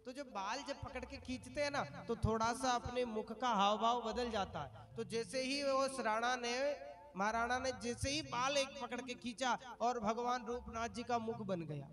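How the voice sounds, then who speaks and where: A man's voice: very high-pitched, moderate pace. A man preaching a devotional story sermon to a gathered audience, often putting questions to the listeners in a chatty storytelling way. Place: religious gathering before an audience.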